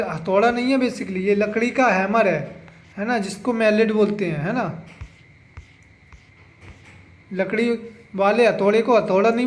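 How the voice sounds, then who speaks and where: High-voiced man drilling exam answers. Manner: drills answers, repeats "है ना?" and urges memorizing. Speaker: exam-prep teacher. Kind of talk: exam revision lesson.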